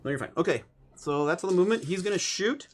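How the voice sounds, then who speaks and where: A man in his forties playing a tabletop wargame and chatting casually, animated, with loud excited outbursts. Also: sits high, fast, slight background noise. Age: 40s. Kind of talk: casual banter over a tabletop game.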